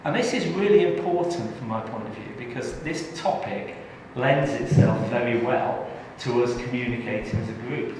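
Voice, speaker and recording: Jokey presenter in an echoey hall. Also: male voice, mid-range voice, normal speed, few pauses, far from the mic, noisy background. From England. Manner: jokey, chatty, engages the audience. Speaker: tax trainer. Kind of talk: live training presentation. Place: large training room.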